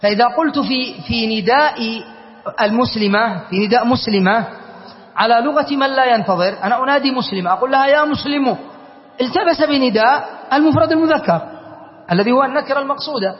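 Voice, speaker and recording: High-voiced man teaching grammar in a hall. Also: fast talker. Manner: questioning students, spelling out word forms. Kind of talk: classroom grammar lesson. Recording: dull long-reverb lecture hall recording.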